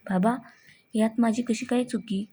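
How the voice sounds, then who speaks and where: A woman's voice: fairly high pitch, fairly even intonation, unhurried, warm tone, slightly rough. A woman voicing a stubborn young woman who argues with her father in an audio story. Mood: irritated. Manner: irritated, pleading.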